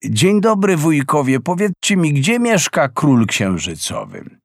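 A tender-hearted storybook boy, as a man puts him on calls out high and clear. His voice sits well above a man's own. He sounds slow and close in a dry room. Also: big pitch swings, no echo, exaggerated voice. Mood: polite.

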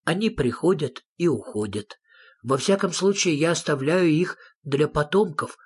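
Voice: mid-range voice, expressive, moderate pace, a little mellow, husky. Moominpappa, a reader doing a boastful father troll. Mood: proud. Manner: proud, slightly defensive. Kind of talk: audiobook reading.

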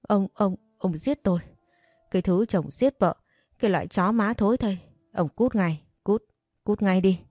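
A woman voicing a furious, wailing middle-aged mother who scolds and curses in a shrill way, read as an audiobook story. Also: normal speed, a little mellow, no echo, studio quality, lightly acted. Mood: screaming.

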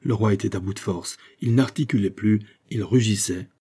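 A male audiobook narrator with a low, husky voice. He reads in a measured, even way. His tone is dark and mellow.

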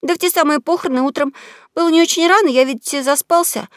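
A woman raises her voice into a wily young boy who chatters eagerly and feigns innocence. His lines come out higher and brighter, from a storybook heard close and dry. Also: fast talker, no echo, close to an everyday voice. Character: cunning quick-witted young boy.

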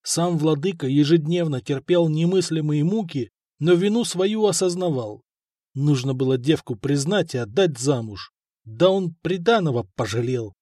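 A man narrating an audiobook in a steady, wry storytelling manner. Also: on the high side, normal speed, dry recording, studio quality. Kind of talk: scripted narration.

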